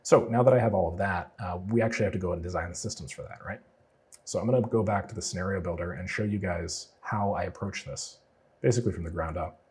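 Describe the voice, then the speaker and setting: An automation freelancer narrates a screen-share tutorial on a client build, talking fast in a deep, husky, darkish voice. He's getting over a cold, and his explanations are casual and loose, sprinkled with fillers.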